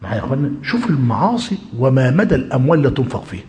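A man's voice: mid-range voice, very animated, racing, darkish tone, big-room sound. A man with an Egyptian accent teaching a religious lesson, switching between formal classical phrasing and colloquial talk and checking in with his listeners. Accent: Egyptian Arabic.

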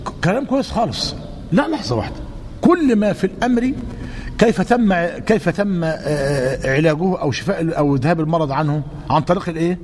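A man with an Egyptian Arabic accent and a high-leaning, darkish voice gives a religious lesson and answers questions, speaking expressively and quickly, with emphasis and repeated key points. The reverberant hall carries faint noise.

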